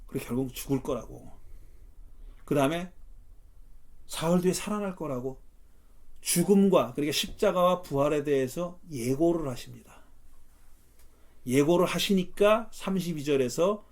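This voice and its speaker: A man leading a Bible study as pastor, explaining verses in an animated way and acting out the lines he quotes. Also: a little high, normal speed, long pauses. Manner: animated, acts out quotes with rising intensity.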